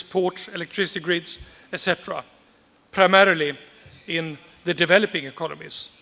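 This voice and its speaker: A man delivering a formal conference address in a fairly high, bright voice. He speaks in a measured, deliberate way, leaning on repeated phrases, and the recording carries a long reverb. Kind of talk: formal prepared speech.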